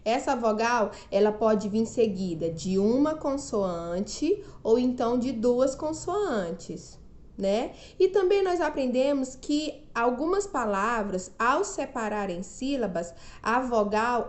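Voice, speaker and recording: A woman's voice: a little high, a little mellow, echoey room. A woman from Brazil teaching a remote lesson to children, stretching out syllables and often asking "não é mesmo?". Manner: slow, drawn-out syllables, frequent "não é mesmo?".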